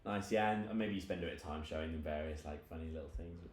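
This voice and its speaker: Low-voiced man running a tabletop game. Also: quick pace, roomy sound. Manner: casual, filler-heavy, laughs often. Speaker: game master.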